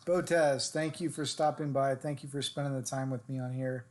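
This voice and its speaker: A male streamer talks through his shots, in a relaxed voice full of fillers and restarts. He answers viewers in chat directly, like he is chatting with friends. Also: medium pitch, normal speed. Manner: relaxed, self-coaching talk with fillers. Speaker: game streamer. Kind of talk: casual live-stream gameplay commentary.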